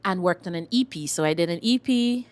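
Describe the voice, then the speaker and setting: A woman's voice: fairly low pitch, animated, a little fast. A woman with a Guyanese accent speaking casually as a singer being interviewed, emphatic and repeating phrases for stress. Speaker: singer-songwriter, interview guest.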